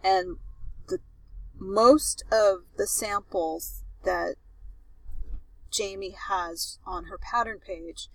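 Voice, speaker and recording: A woman co-hosting a knitting podcast chats enthusiastically while recording outdoors at the beach, trailing off into fillers. Her mid-range voice is extremely slow with frequent pauses and a fairly bright tone. The low-quality recording has no room sound.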